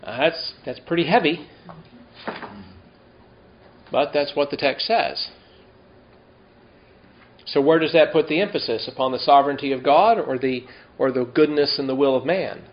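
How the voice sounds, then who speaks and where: A man preaching a sermon, reading scripture slowly and emphatically and asking the congregation rhetorical questions. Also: on the high side. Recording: dull lo-fi sound.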